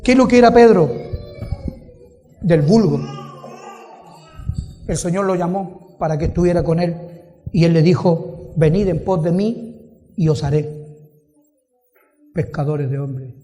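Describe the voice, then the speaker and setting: A man with a high, mellow voice preaches a sermon, leaning on rhetorical questions to the congregation. His voice rings in an echoey hall with soft music underneath. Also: measured pace, long pauses.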